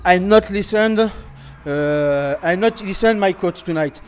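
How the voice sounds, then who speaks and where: A young French man, a fighter being interviewed after a bout, speaking halting, broken English with a French accent and repeating words as he searches for them. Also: high voice, clean tone. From France. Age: young adult. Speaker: MMA fighter. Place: indoor event backdrop interview area. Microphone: handheld interview microphone held close.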